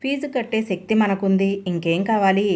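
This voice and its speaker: A woman reading an audiobook story, voicing a busy grown daughter who answers her mother defensively and briskly. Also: medium pitch, darkish tone, lightly acted.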